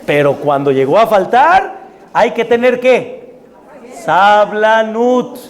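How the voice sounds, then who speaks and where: Male rabbi, emphatic sermon delivery with rhetorical questions, slightly high voice, long hall reverb. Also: big pitch swings, measured pace.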